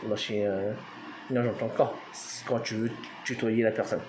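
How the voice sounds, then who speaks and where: A language teacher with a fairly low voice gives an informal lesson at a moderate pace and in a level tone, with background noise behind him. He sounds hesitant, uses lots of fillers, and spells words out letter by letter.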